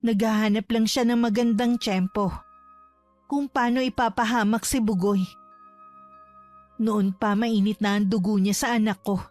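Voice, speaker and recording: A woman narrating a horror story in a steady, measured way. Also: medium pitch, soft background music.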